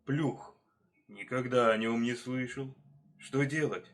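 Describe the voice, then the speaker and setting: A man voicing a bold, loud snow leopard in a storybook tale, questioning the others commandingly. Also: medium pitch, slow, close to an everyday voice. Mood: puzzled.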